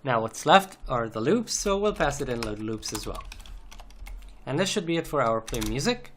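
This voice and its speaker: His medium-pitched, fairly bright voice swings widely in pitch at a normal speed as he walks through an off-the-cuff coding tutorial on screen. He goes step by step, typing as he explains, and the noisy recording carries constant keyboard clicks.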